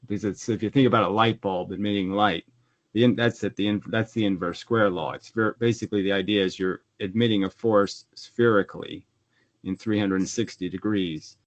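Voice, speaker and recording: A man with a fairly low voice explains his ideas over a video call, and the sound is dull and lo-fi. The audio is dry, with almost no room sound. He restarts his sentences often and gets more animated when he is pushed. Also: no room sound. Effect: heard over a video call. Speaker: guest explaining his physics model. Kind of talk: conversational explaining.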